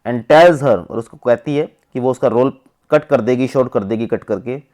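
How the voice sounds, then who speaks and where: Man, Indian English accent, teacher, lesson explanation, slow read-aloud then explanation, average pitch. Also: a little mellow. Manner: reads English lines slowly, then explains them in Hindi. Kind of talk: explaining an English textbook chapter in Hindi.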